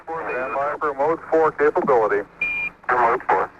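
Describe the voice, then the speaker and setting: A man relays terse radio procedure over an archive air-to-ground link. The sound is muffled and narrow, and steady static hiss runs underneath every call. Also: medium pitch, unhurried. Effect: air-to-ground radio transmission. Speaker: mission control and crew radio traffic. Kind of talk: clipped radio procedure talk.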